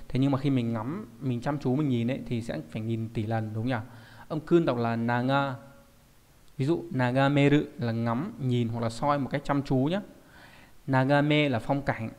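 A man's voice: mid-range voice, a little mellow, long reverb tail. A man teaching a recorded online kanji lesson, explaining step by step and often asking rhetorical check-in questions. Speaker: Japanese teacher.

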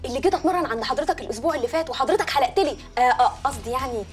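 An actress playing an eager young would-be reporter who rattles on politely and chattily down the phone. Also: female voice, sits high, expressive, very fast, soft background music. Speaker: caller.

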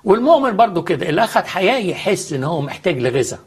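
A man's voice: high-pitched, sing-song, very fast, breathy edge. A man with an Egyptian accent, a studio guest explaining faith earnestly and answering his own questions.

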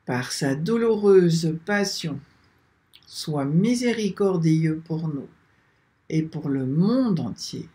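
An older man with a voice on the high side leads a slow prayer, chanting repeated invocations in a steady, measured way. He is filmed by a webcam in a small room.

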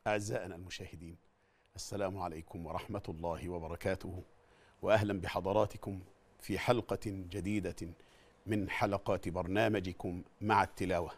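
A middle-aged man with an Egyptian Arabic accent, teaching Quran recitation, explaining in an animated way and repeating phrases to drill how they are said. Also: low-pitched. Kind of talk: Quran recitation lesson with chanted verses.

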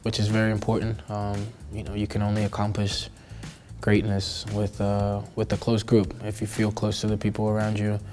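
A low-voiced man from Costa Rica answers questions in a seated studio interview, his voice staying level with little rise or fall. He hesitates often, restarting phrases and filling gaps, and faint music plays behind him. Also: completely flat delivery, moderate pace, a little mellow. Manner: hesitant, many fillers and restarts. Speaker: professional soccer player. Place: indoor studio backdrop.

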